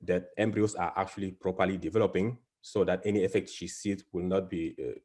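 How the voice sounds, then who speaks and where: The speaker, a biology professor from Cameroon, presents an academic talk via video call. His low-pitched, darkish voice is slightly rough, and his delivery halts with frequent fillers and restarts.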